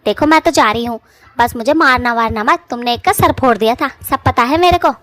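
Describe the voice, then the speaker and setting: A woman's voice: fairly high pitch, expressive, moderate pace, fairly bright tone, dry recording. A woman doing a brash bald cartoon witch. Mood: scared, pleading. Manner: mouthy village taunting speech, whiny when scared. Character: brash, boastful bald female witch, quarrelsome. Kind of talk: cartoon voice acting.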